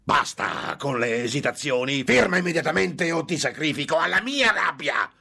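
A man playing a scornful slow-drawling demon. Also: on the low side, animated, voice pushed up, heavily acted. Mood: furious. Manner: slow, drawn-out, swelling into furious shouts. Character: scornful male demon tempter, menacing and impatient. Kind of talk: dramatic audiobook reading.

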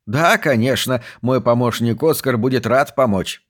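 Man reading excitable old archivist, snorting, chatty, higher-pitched voice, audiobook figure. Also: moderate pace, close to an everyday voice. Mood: eager. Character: fussy enthusiastic old male museum archivist.

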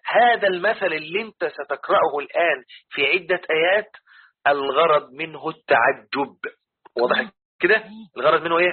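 The speaker is a male religious teacher with an Egyptian Arabic accent and a fairly high, slightly rough voice. He explains Quran commentary to a class, repeating key ideas and frequently checking comprehension, and the audio sounds tinny, like a phone.

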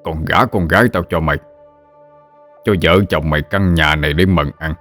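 Man voicing a vengeful old exorcist, harsh scolding, very deep, gruff, storybook. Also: animated, moderate pace, soft background music. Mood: furious.

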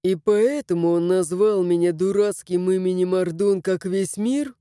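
A man voicing an ancient male dragon in an audiobook, calm, weary and lecturing. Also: sits high, smooth, no room sound, studio quality. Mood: explaining. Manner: measured, lecturing. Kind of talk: audiobook character voice.

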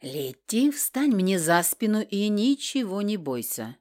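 A woman's voice: medium pitch, very animated, takes it slowly, darkish tone. A woman voicing a protective nonhuman man who patiently explains things to his companion.

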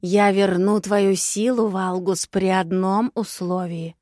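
A woman's voice: mid-range voice, fairly even intonation, slow pace, darkish tone, no echo, clean studio sound, lightly acted. A woman voicing a gloating, drawling witch. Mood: mocking. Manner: drawling, sing-song taunts. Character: scheming female witch, mocking and cruel. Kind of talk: audiobook character voice.

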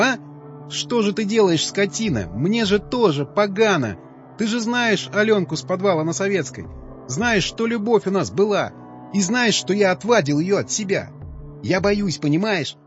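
A man voicing an anguished young male survivor who talks bluntly and roughly. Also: fairly high pitch, very animated, a little fast, faint music behind, voice pushed up. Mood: pleading. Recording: dull, slightly lo-fi dry recording.

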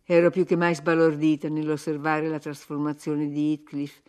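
A woman narrating an audiobook in a measured, expressive storytelling manner. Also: low voice, clear, resonant tone, soft background music.

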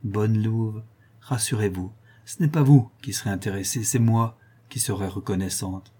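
A man reading an audiobook and voicing a gentle, modest, polite young girl. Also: on the low side, moderate pace, breathy edge. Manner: soft and polite.

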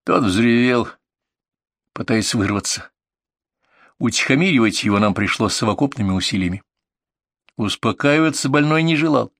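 A man reading a first-person story aloud in steady, vivid audiobook narration. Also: mid-range voice, moderate pace, long pauses, no room sound, studio quality.

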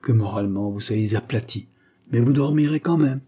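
A man reading the lines of a calm, teasing French army commandant in a storybook. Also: mid-range voice, normal speed, breathy edge, lightly acted. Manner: jovial, reassuring.

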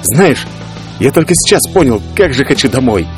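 A man voicing a kind, generous brother who speaks calmly and sincerely. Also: mid-range voice, moderate pace, over music, voice pushed up, close to an everyday voice.

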